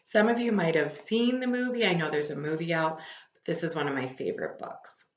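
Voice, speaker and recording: Reading aloud to a class fairly quickly, a woman with a deep voice breaks off to explain and to ask her listeners questions in a conversational tone. The room echoes noticeably.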